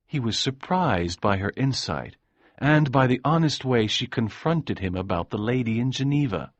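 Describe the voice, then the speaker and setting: A man narrating an audiobook in a calm, measured way. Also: medium pitch, no echo, lo-fi sound.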